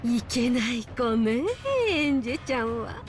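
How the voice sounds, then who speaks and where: A woman's voice: on the high side, steady tone, brisk, natural voice. A woman voicing a scheming, mocking woman who leads a powerful family, speaking in a teasing, condescending way in anime game style. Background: game music.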